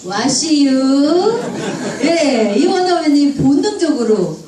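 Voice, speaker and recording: A woman giving a lively public English lecture, asking the audience questions and acting out dialect jokes. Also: a little high, normal speed, a crowd in the background. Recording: echoey room, distant mic, faint room noise.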